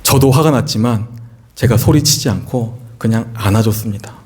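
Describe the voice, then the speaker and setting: In a church sanctuary, a middle-aged pastor delivers a sermon built around a personal story about his own children. He speaks earnestly and conversationally at a moderate pace, his pitch rising when excited, and he often asks the congregation questions.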